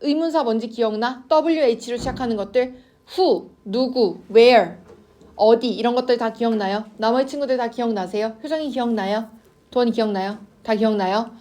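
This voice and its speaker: A woman's voice: on the high side, a little fast, dark tone. A woman teaching an English grammar class, coaxing her students and checking in with them constantly. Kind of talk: online class lecture to students.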